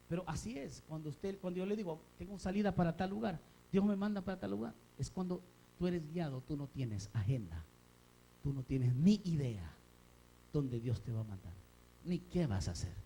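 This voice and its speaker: A male pastor with a Honduran accent, preaching a sermon with calls for amen and loud, rising exclamations. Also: on the high side, expressive, normal speed, husky, rough recording. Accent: Honduran Spanish.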